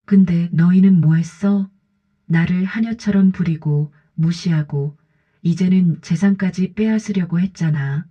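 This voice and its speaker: Stern old mother voiced by a woman narrator, curt and firm, low husky voice, audiobook drama. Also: measured pace, mellow. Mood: angry. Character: stern 68-year-old mother, cold and defiant. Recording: slightly dull lo-fi audio.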